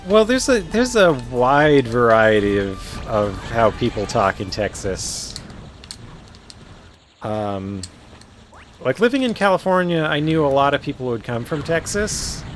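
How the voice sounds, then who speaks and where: A man's voice: mid-range voice, slight background noise. A man with an Ontario Canadian accent, chatting casually and rambling while he streams a game. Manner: rambling, musing, many fillers and restarts. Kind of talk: casual commentary while playing. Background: faint game music.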